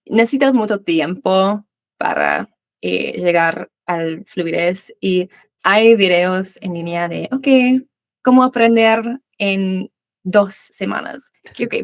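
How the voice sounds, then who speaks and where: A woman's voice: medium pitch, dry recording. A young Australian woman, a native English speaker, answering interview questions in learner Spanish with many restarts and fillers. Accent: Australian English speaker in Spanish, Uruguayan voseo. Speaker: guest, English teacher. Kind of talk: casual interview chat.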